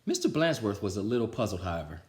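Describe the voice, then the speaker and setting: In a roomy, echoing room at home, a man reads a children's storybook aloud with animation and then chats casually with viewers before signing off. His lowish, slightly mellow voice moves fast and swings widely in pitch.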